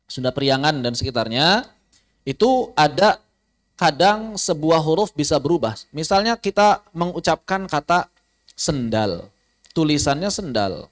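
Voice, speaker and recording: A man teaching an online tajwid lesson, explaining with many examples, repeating key words and chanting Arabic verse slowly. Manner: lively, sudden jumps in pitch for emphasis. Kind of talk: online Quran recitation lesson.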